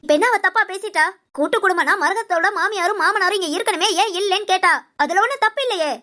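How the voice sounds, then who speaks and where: A woman voicing a stern middle-aged aunt in an animated family drama, talking in a scolding, forceful way. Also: very high voice, fast talker.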